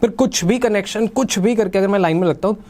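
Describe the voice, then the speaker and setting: A man's voice: high voice, fast talker, a little mellow. A young man with a Delhi Hindi accent, hosting a podcast and telling a long personal story in casual chat, acting out the voices of the people in it. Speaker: podcast host.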